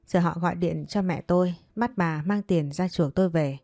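A woman narrates a first-person story in an even, steady, sorrowful voice. Her voice is low and mellow. It is recorded dry and close, with faint music beneath. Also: moderate pace, no echo.

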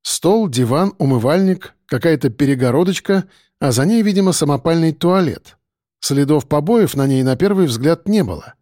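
Mellow male audiobook narrator. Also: a little high, animated, moderate pace, dry recording, clean studio sound. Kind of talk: first-person audiobook narration.

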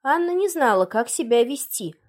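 Woman, audiobook narrator, measured storytelling, slightly high voice. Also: very animated, a little mellow.

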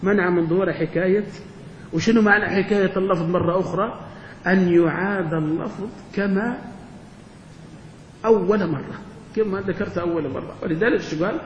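Male sheikh, high voice, drilling grammar by question and answer, roomy dull recording. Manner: asks the class questions and answers them himself. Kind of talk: classroom lecture. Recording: echoey hall, dull lo-fi sound, faint hum.

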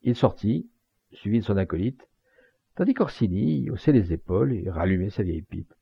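Gravelly male audiobook narrator. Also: on the low side, animated, moderate pace, dry recording, dull audio. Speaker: audiobook reader.

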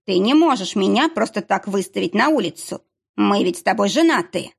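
A woman voicing a whiny, pleading middle-aged ex-husband with a drawn-out, whining delivery. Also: medium pitch, lively intonation, creaky, husky, heavily acted.

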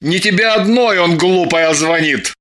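A man's voice: sits high, unhurried, a bit bright. An actor playing a sardonic, exasperated young man who scolds with theatrical sarcasm in an audiobook. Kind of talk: audiobook dialogue.

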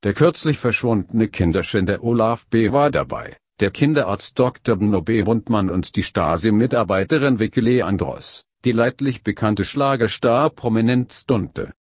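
A man reading a scripted story aloud as narrator, with a steady, even storytelling delivery. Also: lowish voice, moderate pace, few pauses, no echo, clean studio sound.

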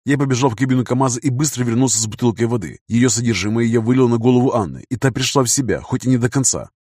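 A man narrates a first-person audiobook in a tense, measured way. His voice sits in a middle range for a man. The recording is dry and close. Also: medium pitch, darkish tone, dry recording. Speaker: audiobook reader.

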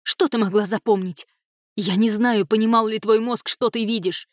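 A stern, guarded aunt who answers firmly and snaps back when cornered, voiced by a woman reading a novel. Her voice sits at a middle pitch, close and dry. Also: fairly even intonation, moderate pace, no echo, natural voice. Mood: firm, harsh. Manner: firm, defensive, snapping. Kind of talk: audiobook character voicing.

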